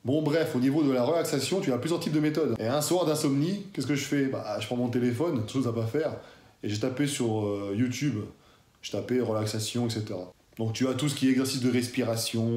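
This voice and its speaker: A man's voice: mid-range voice, darkish tone, reverberant. A man talking casually and chattily to his viewers as a fitness YouTuber, slangy and familiar, addressing them directly. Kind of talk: casual talk to camera.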